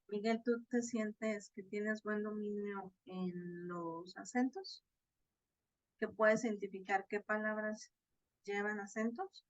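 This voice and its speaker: A woman's voice: medium pitch, no room sound. Woman tutor on a video call. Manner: explanatory, many fillers and tag questions. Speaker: online course tutor. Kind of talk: virtual class lecture. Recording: slightly dull, dry video-call audio.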